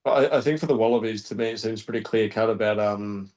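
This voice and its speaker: A man's voice: lowish voice, fast, a little mellow. A man from Australia, a rugby reporter guest on a podcast, talking casually and thinking aloud. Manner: thinks aloud, hesitant with fillers and restarts. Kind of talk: casual chat.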